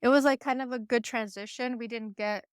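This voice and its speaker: A woman's voice: fairly high pitch, steady tone, brisk, clear, resonant tone, no echo, studio quality. A woman in her thirties, born in Croatia and raised in Michigan, chatting casually as a podcast guest with lots of filler words. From born in Croatia, raised in Michigan, United States. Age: 30s. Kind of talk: casual interview chat.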